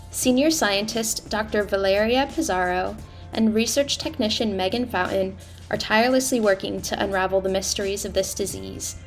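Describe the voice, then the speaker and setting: A woman hosting a podcast, reading a scripted opening and then putting questions to her guests. She keeps a clear, measured delivery at a mid pitch, with soft music faintly underneath. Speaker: podcast host. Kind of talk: scripted narration and interview questions.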